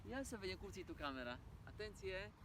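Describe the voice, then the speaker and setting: Excitable father recording a family vlog outdoors, very animated delivery, plain background noise. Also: fairly high pitch. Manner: playful and excitable, laughs often. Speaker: vlogger and father.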